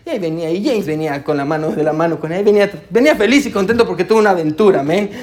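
A man's voice: high-pitched, very fast, a little mellow. A male pastor preaching in church, telling a personal story with lots of "amén" and "hermano", and slipping English words into his speech. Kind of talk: sermon with personal anecdote.

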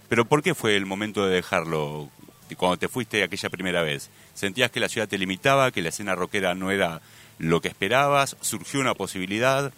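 Man, Rioplatense accent, radio host, lowish voice, long multi-part questions. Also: fairly bright tone. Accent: Rioplatense Spanish. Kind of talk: interview questions. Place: radio studio.

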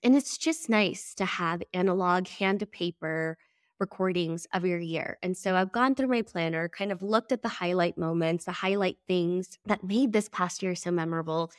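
A woman's voice: medium pitch, no room sound, clean studio sound. A woman hosting a solo podcast episode, sounding nasal and congested from a head cold, in an earnest, reflective manner. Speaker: podcast host.

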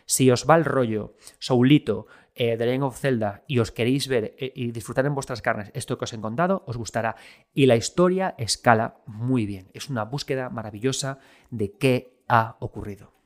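A man's voice: medium pitch, moderate pace. A man from Galicia talking casually and enthusiastically to his viewers about video games. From Galicia, Spain. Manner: enthusiastic, conversational, addresses viewers directly. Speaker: video game commentator. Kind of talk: casual spoken game review.

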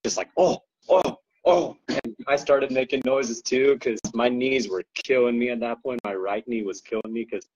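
A man's voice: mid-range voice, steady tone, normal speed, lo-fi sound, a little hiss or hum. A man chatting as a podcast guest, rambling with lots of ums and likes and frequent laughs. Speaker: guest co-owner describing an ultra race. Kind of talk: casual podcast chat.

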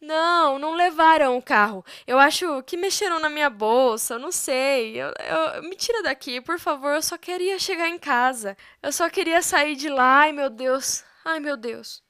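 A woman's voice: high-pitched, animated, moderate pace, bright, forceful tone, no echo, studio quality, pitched above the performer's own voice. A woman voicing a shaken, tearful architect who stammers and pleads, with a Brazilian Portuguese accent. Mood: distraught. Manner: tearful, trembling, stammering pleas.

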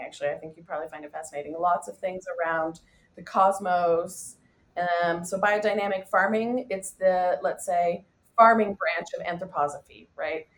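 A woman from the US west coast, a life coach guest, talking animatedly and laughing easily in a casual interview. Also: lowish voice. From west coast of the United States.

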